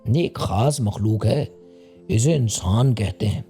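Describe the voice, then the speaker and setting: A man's voice: fairly low pitch, animated, dark tone, faint music behind. A man voicing a small male bird who patiently explains things to his wife. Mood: explaining.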